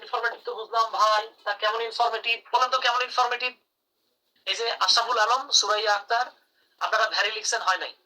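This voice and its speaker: A man's voice: high voice, sharp tone, far from the mic, a little hiss or hum, rough recording. A man teaching English grammar in a live online class, calling on students by name and praising their answers.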